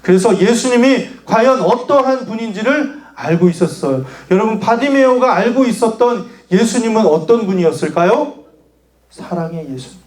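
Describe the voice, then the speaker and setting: A male pastor telling a children's sermon in an animated storytelling manner, asking the children questions. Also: sits high, normal speed, few pauses, roomy sound.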